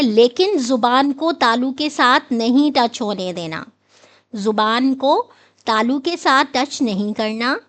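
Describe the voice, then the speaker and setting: A woman with a fairly high voice teaches recitation in a steady, patient way. She stretches out each demonstrated sound slowly so learners can follow. She sounds middle-aged and calm in her instruction. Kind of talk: instructional lesson.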